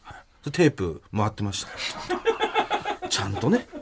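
A man's voice: fairly low pitch, wildly swooping pitch, normal speed, heavy background noise. A man co-hosting a comedy radio show, bantering theatrically with bursts of mock outrage. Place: radio studio.

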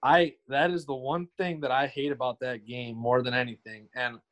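Casual guest: young guy, rambles, restarts a lot, mid-pitched voice. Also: little pitch movement, fairly bright tone. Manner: rambling, halting, repeats himself. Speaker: guest streamer. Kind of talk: casual podcast chat.

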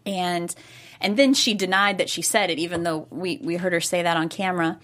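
A woman's voice: fairly low pitch, fairly even intonation, a little fast, fairly bright tone. A woman hosting a casual review chat, talking in a rambling way with many restarts. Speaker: host.

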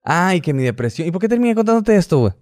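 A man's voice: sits high, very animated, fast, darkish tone, no echo, clean studio sound. Rambling Mexican man on a podcast. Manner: rambling, loses his thread. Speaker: podcast guest. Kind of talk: casual chat.

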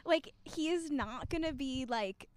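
A woman's voice: high voice, expressive, measured pace, a little hiss or hum. A young woman co-hosting a podcast, chatting casually and reassuringly with many "like" fillers and frequent laughter. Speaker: podcast co-host. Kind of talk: casual chat.

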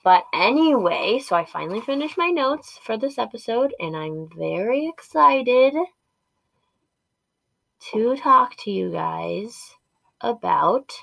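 A woman hosts a casual solo podcast from inside a closet, rambling informally, swearing, and making fun of herself. Her voice is on the high side, a bit bright, animated yet slow, with vocal fry, recorded close and dry with no room sound.

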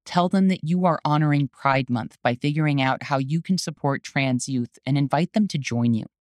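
Host for a spoken essay: an earnest, urgent activist voice, mid pitch, dry close sound. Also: moderate pace, a little mellow, dry recording. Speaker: activist and journalist hosting the show.

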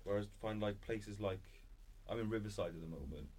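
A man's voice: lowish voice, brisk, a little mellow, a little hiss or hum. A man with a Cardiff accent in casual, slangy chat as an interview guest, often repeating his phrases. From Cardiff, Wales.

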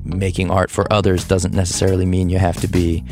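With soft music underneath, this podcast host, a man in his thirties, talks a little fast in a low, monotone voice with a darkish tone. His reflective monologue wanders loosely and hesitantly, thoughtful, full of restarts and laughs.

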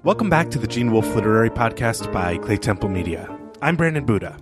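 A man's voice: on the low side, expressive, a little fast, music in the background. A man co-hosting a literary podcast in a conversational, enthusiastic manner. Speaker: podcast co-host.

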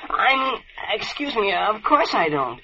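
A man's voice: high-pitched, very animated, measured pace, sharp tone, exaggerated voice. An actor playing an eager, flustered teenage office boy in a 1940s radio play. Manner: boyish, flustered. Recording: noisy, dull vintage radio recording.

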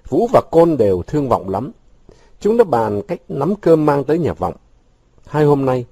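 A man's voice: medium pitch, slightly rough, no echo. A man narrating a long story aloud, reading expressively. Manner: expressive, shifting with the scene. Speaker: audiobook narrator.

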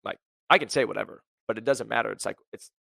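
A young man hosting a career podcast, blunt and high-energy, packed with "like" and "right?". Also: fast, gravelly, sharp tone, no echo. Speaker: podcast host. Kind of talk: motivational career podcast talk.

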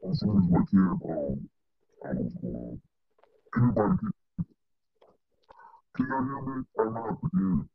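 Casting note: informal woman host, speech crushed by fuzz distortion, very deep, gravelly tone. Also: huge pitch swings, measured pace, pauses often, no echo. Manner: friendly, informal, says y'all. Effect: heavy fuzzy distortion on her audio. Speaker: host of an online audio room. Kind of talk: casual chat. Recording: distorted, lo-fi phone-like audio.

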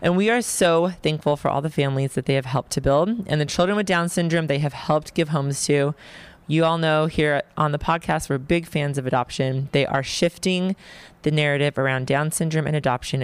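A woman hosting a podcast introduction in a hoarse voice that is giving out. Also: low-pitched, steady tone, fairly quick, dry recording. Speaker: podcast host.

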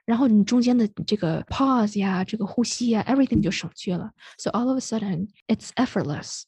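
A woman's voice: medium pitch, a little fast, mellow, husky, dry recording. A woman hosting a radio English lesson, explaining patiently while switching between Mandarin and English. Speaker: English teacher and radio host. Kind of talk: bilingual radio lesson chat.

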